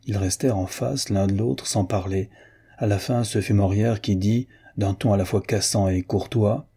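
A man narrates a literary novel in a steady, measured reading. His voice is low and mellow, with a husky grain. The delivery stays even and unhurried.

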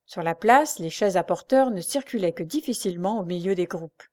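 A woman reading a classic novel aloud as narrator, steady and measured. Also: fairly low pitch.

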